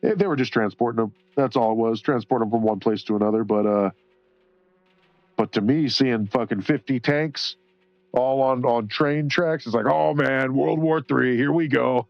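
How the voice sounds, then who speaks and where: While coloring on stream, a man with a mid-range voice talks at a moderate pace, rambling and cursing, laughing often, and reading chat out loud. The recording is dry and slightly dull, with faint music in the background.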